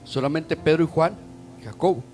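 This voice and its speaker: A man preaching a sermon, swinging from loud urging to hushed, near-whispered passages and calling his listeners brother. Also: a little high, brisk, soft background music. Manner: addresses listeners as "hermano".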